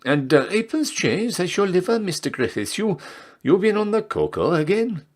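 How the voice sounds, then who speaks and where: Casting: chatty Welsh barmaid for a story reading, acted by a man; high, swooping, lilting, forever asking questions. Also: sing-song, moderate pace. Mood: gossipy. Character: chatty Welsh barmaid, nosy, gossipy woman.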